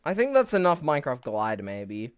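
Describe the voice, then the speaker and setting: A man's voice: a little high, wildly swooping pitch, normal speed, smooth, dry recording. A young man giving casual live commentary on his gameplay, rambling and swearing, a bit out of breath. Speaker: streamer.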